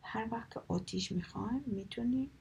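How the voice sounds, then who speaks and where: A woman whispering a children's folk tale aloud in a soft, calm reading manner. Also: fairly high pitch, gravelly, a little hiss or hum. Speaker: storyteller. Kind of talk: whispered storytelling.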